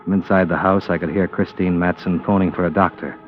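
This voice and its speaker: A deep, steady male voice plays a hard-boiled, resolute American insurance investigator in a vintage 1940s-50s radio drama, delivering dry narration in a terse, firm, wry way. He speaks fairly quickly and sounds natural, principled and tough. Music plays behind the dull, old radio recording.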